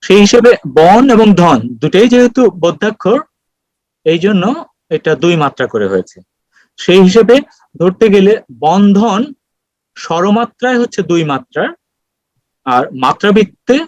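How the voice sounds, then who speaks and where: High-voiced man lecturing over a call. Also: expressive, a little mellow, no room sound, poor audio. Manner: explains slowly with many pauses and fillers. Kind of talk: online lecture on poetry meter. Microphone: video call.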